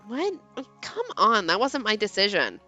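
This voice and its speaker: A woman voicing a blunt, exasperated high-school boy who flatly brushes someone off, reading game text aloud. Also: moderate pace, highs cut off, soft background music, heavily acted. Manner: flat, dismissive, blunt.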